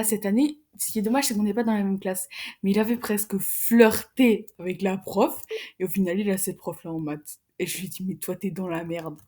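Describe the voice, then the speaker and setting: Fast-talking mellow-voiced teen girl. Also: medium pitch, slightly rough. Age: teenager. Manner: fast, rambling, slangy with swearing. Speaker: vlogger, secondary school student. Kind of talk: casual chat to camera.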